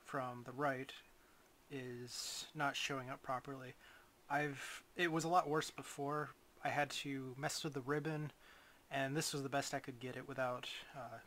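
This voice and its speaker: A man giving a casual, unscripted product review as a reviewer, in a hesitant, rambling way with frequent pauses. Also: mid-range voice, fairly even intonation, a bit bright. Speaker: reviewer of gadgets.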